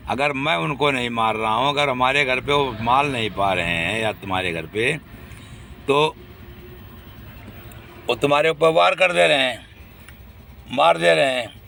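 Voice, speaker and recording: A man's voice: mid-range voice, creaky, bright, forceful tone. A man speaking to the public in a casual monologue, indignant and complaining.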